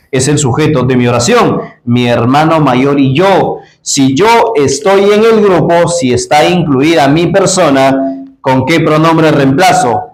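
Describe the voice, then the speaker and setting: A man teaching English grammar, explaining in Spanish and asking his students questions. He spells out endings letter by letter. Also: on the high side. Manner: explains in Spanish, asks the class many questions. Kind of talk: classroom-style grammar lesson. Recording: echoey room.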